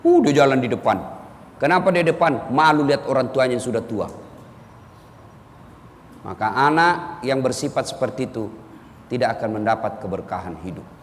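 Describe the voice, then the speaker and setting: A man's voice: medium pitch, moderate pace, long pauses, slight background noise. A man preaching a sermon with humorous stories, acting out the people in them. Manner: lively storytelling, acts out voices in quotes. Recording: reverberant hall with faint ambience.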